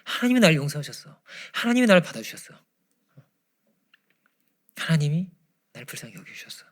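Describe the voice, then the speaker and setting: A man preaching a Friday prayer-meeting sermon, swinging from loud emphasis to hushed near-whispers. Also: on the high side, very animated, fairly quick. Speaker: pastor. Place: church.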